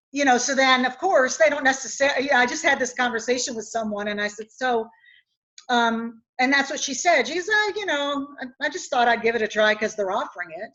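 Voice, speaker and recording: In dull, lo-fi webinar audio, an executive coach from West Virginia, USA, makes her case earnestly with anecdotes. Her voice is a bit high and somewhat bright.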